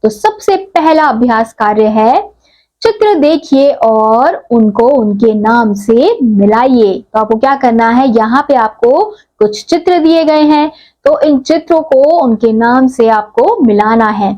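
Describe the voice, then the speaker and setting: A young woman teacher gives a slow, clear lesson to young children, sounding out each syllable carefully. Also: fairly high pitch, animated, darkish tone, dull audio. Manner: sounds out syllables slowly and stretches each word.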